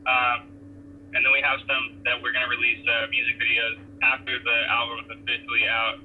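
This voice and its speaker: A man's voice: mid-range voice, completely flat delivery, fairly quick. A man talking on a hands-free Bluetooth phone call while driving, laid-back and full of fillers and restarts as he answers interview questions. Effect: Bluetooth phone call from a car. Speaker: touring band member being interviewed. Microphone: car Bluetooth hands-free. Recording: tinny phone line with faint noise.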